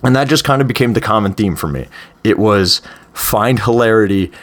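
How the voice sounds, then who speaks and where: Low-voiced man telling stories casually. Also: moderate pace. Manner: candid, conversational, many fillers and restarts. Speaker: podcast host. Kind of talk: first-person storytelling.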